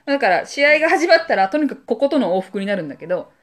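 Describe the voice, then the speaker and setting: A woman's voice: fairly high pitch, sing-song, rapid-fire, fairly bright tone. A woman speaking, co-hosting a podcast and telling a story in casual chat, acting out voices and sound effects as she goes. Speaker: podcast co-host.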